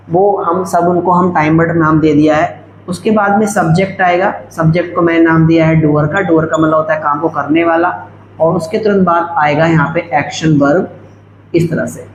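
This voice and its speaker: A man teaching English grammar in a lecture, dictating example sentences slowly word by word. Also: sits high. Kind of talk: classroom-style video lecture. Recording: echoey room, faint background hum.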